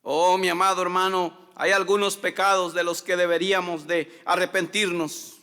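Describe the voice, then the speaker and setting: Male pastor, very high and bright voice, preaching in a reverberant church, loud then hushed. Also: level tone, moderate pace, smooth. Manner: preaching, repeats "hermanos" often, swings between loud and hushed. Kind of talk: sermon. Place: church hall. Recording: long church hall reverb.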